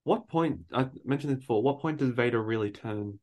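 Man, podcast co-host, mid-pitched, animated, insistent, asks the questions, studio chat. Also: fairly quick. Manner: animated, insistent, laughs easily. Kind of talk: casual film-discussion chat.

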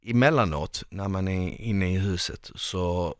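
A man's voice: deep voice, clear, resonant tone, no echo, clean studio sound. A man telling a long story in casual conversation, rambling with lots of fillers. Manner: lively, rambling, with many fillers.

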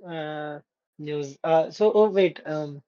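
A man's voice: a little high, slow pace, mellow, no echo. A man joins a casual podcast chat, hesitant and full of fillers. His voice comes through dry and a little muffled, like a remote call. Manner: hesitant, many fillers, playful. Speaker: podcast co-host.

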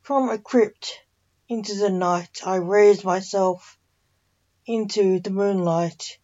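Brief: woman poet-host, measured horror narration, unhurried, muffled sound. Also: mid-range voice, fairly even intonation, mellow. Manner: slow, measured rhyming reading. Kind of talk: scripted horror story narration. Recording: dull lo-fi.

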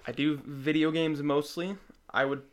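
A man's voice: a little high, fairly even intonation, moderate pace. A man chatting as a podcast guest in an easygoing, matter-of-fact way. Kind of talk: casual chat.

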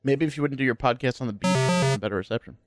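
A man's voice: mid-range voice, racing, music in the background. A young man co-hosting a podcast over a call, teasing and arguing in casual chat. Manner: teasing, argumentative, swears casually. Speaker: podcast co-host.

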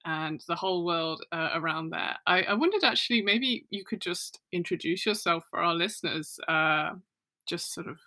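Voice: medium pitch, expressive, normal speed, bright, forceful tone. A podcast host in casual chat, joking playfully and encouraging the guest.

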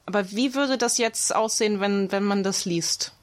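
A woman co-hosting a podcast in casual chat, halting and searching for her words. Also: medium pitch.

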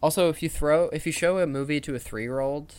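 A man's voice: on the high side, brisk, a little mellow, smooth. A man hosting a podcast with casual film commentary, wry and opinionated. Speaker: podcast host.

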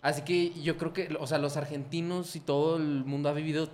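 Emphatic Mexican man, slightly high voice. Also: level tone, fairly quick, darkish tone. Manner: emphatic, swears freely, insistent. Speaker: podcast co-host. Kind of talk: casual chat.

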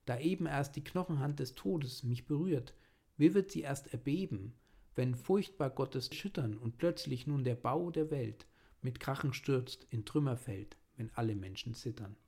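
A man's voice: mid-range voice, moderate pace, mellow, husky. A man reading an old sermon aloud in German, earnest and pleading as he exhorts his listeners.

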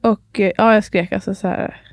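A woman's voice: mid-range voice, steady tone, no room sound. Chatty woman, dry close sound. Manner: chatty, laughs often, trails off mid-sentence. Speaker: podcast co-host. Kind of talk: casual chat.

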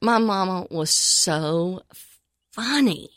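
An older woman from Tennessee with a Southern accent, telling stories as a guest in a casual interview, animated and warm. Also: lowish voice, slow, no echo, clean studio sound. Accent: Southern American. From Tennessee, USA. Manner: lively storyteller, animated and warm. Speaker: guest, pregnancy clinic director.

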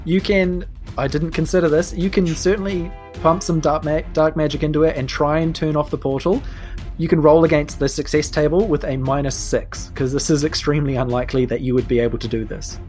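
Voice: medium pitch, steady tone, a little fast, a little mellow, soft background music. A game master casually narrating a tabletop game and explaining the rules.

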